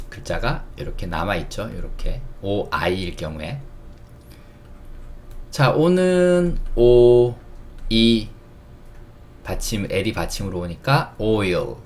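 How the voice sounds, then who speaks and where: A man teaching English phonics, sounding out letters slowly and explaining words with everyday examples. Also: fairly low pitch, a little hiss or hum. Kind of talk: phonics lesson.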